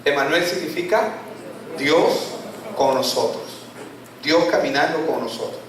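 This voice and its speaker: A male pastor preaching a sermon, full of rhetorical questions and falling low on key words. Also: animated, a little slow, background noise. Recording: echoey church hall from far off.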